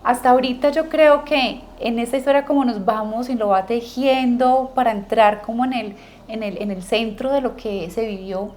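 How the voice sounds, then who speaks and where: A woman hosting an interview, asking reflective, halting questions. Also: a little high, darkish tone, faint music behind. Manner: reflective, halting, searching for words. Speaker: host.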